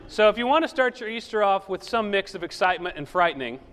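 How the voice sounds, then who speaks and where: A pastor delivers a church sermon in a high, fairly bright voice, talking fast and with animation. He tells the story with humor, performing the voices of its characters, and the large hall adds a long reverb.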